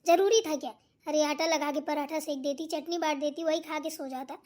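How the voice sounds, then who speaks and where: A woman's voice: high-pitched, fairly even intonation, fairly quick, a little mellow, lightly acted. A woman voicing a bossy, scolding older mother-in-law in a cartoon. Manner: nagging, scolding. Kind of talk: cartoon voice acting.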